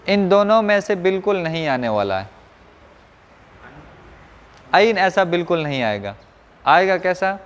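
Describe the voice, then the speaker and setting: Male recitation teacher, high voice, slow drilling delivery, echoey room. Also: very animated, smooth. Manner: corrects and demonstrates sounds repeatedly. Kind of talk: pronunciation lesson with drills.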